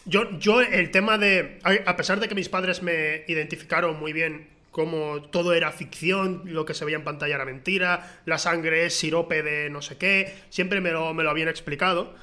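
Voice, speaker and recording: A man's voice: on the high side, moderate pace, few pauses. A man, co-hosting a casual film chat and telling stories with acted-out quotes. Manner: animated storyteller, acts out quotes. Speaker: podcast co-host. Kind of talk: casual chat about films.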